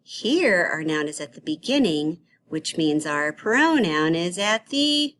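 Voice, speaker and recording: A woman's voice: lowish voice, sing-song, a bit bright, slight background noise. A woman teaching a grammar lesson to young children, asking playful questions and praising their answers. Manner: slow, encouraging, sing-song questions to young kids.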